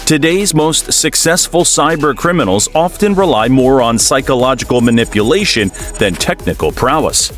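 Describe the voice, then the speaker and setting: A man with a mid-pitched voice narrates a scripted documentary, using very lively, varied intonation. He explains things step by step, addresses the listener directly and poses rhetorical questions, while music plays faintly behind him.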